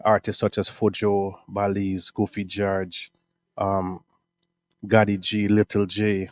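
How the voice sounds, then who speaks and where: Guyanese guy w a lowish voice, chill rambly interview talk, keeps saying right?, dry close sound. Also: slow pace, dry recording. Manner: relaxed, rambling, frequent "right?" and "um". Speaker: music artist and producer. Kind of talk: casual interview answers.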